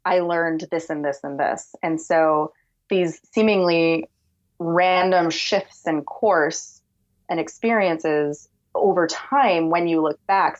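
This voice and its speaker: A woman's voice: sits low, lo-fi sound. A woman podcast producer with a soothing voice, talking reflectively in long winding thoughts as an interview guest. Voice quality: soothing, relaxed voice. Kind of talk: casual conversational interview.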